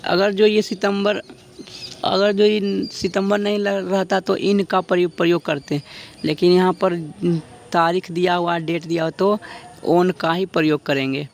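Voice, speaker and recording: A man with a high, gravelly voice teaches grammar at an unhurried pace, stretching each example sentence out word by word. A faint hiss of noise sits under the recording. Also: flat delivery. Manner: slow, drawn-out dictation of example sentences. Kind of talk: exam-prep grammar lesson.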